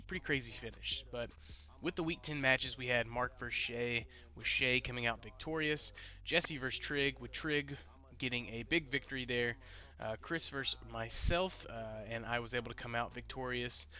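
Hosting solo, this esports league commentator runs through the rankings with a sharp tone at medium pitch. He's getting over a cold, so he sounds congested and nasal, as though he's pinching his nose.

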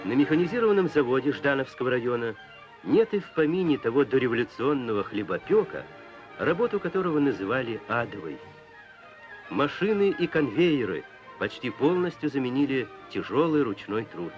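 A man's voice: medium pitch, big pitch swings, brisk, muffled recording, over music. A man narrating a 1960s newsreel in a solemn, declamatory tone, on an old film soundtrack.

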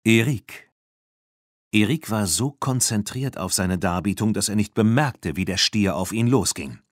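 Male audiobook narrator, lowish voice, very lively intonation, dry close sound. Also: moderate pace, dry recording. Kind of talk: scripted narration.

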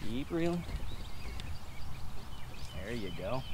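A man's voice: medium pitch, animated, takes it slowly. A young man hosting a fishing video from a small boat, coaching his wife as she reels in catfish, in a casual, instructive way. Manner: coaching, talks his wife through landing fish. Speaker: fishing channel host. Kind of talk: casual outdoor fishing chat. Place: small boat on a river outdoors. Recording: loud outdoor wind and water noise.

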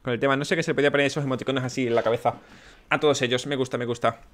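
A man's voice: mid-range voice, steady tone, rapid-fire. A man with a Spanish accent giving casual gameplay commentary, chatty and muttering to himself and to the game characters. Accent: Spain. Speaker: let's play host.

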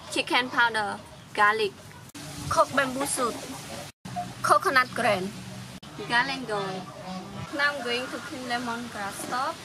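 A young woman hosting a cooking vlog in an outdoor garden, naming the ingredients one by one in short simple phrases. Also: on the high side. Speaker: cooking channel host. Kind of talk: slow narrated cooking vlog. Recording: loud outdoor background noise.

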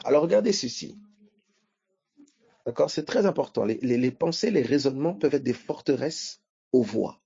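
Gravelly dark-voiced male preacher. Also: medium pitch, animated, moderate pace, pauses often. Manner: teaching, repeating key phrases, checking listeners with "d'accord?". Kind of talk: sermon. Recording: dull lo-fi sound.

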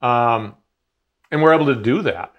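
In a big home garage workshop, a middle-aged CNC machine dealer rambles through a casual explanation, filling it with fillers and restarts. He speaks at medium pitch and a measured pace, and the sound is lo-fi.

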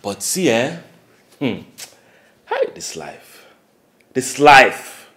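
An exuberant, optimistic aspiring film star with a Nigerian accent. His delivery is slow and preachy, full of repetition. The pitch swings very widely, as in heightened screen drama. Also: sing-song, fairly bright tone, full character voice. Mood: preachy, excited. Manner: preachy, emphatic, repeats himself. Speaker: actor in a film. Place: furnished living room and bedroom indoors.

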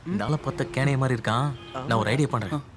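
A man's voice: mid-range voice, fast talker, lightly acted. An actor playing a cheeky young man who schemes his way out of a fine by phoning an uncle. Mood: scheming. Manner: cheeky, scheming, whiny on the phone. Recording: film soundtrack with very loud music. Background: loud background music.

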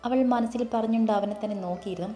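A woman reading a romantic story aloud as audiobook narrator, in a steady, even manner. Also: mid-range voice, very fast. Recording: echoey room, faint music.

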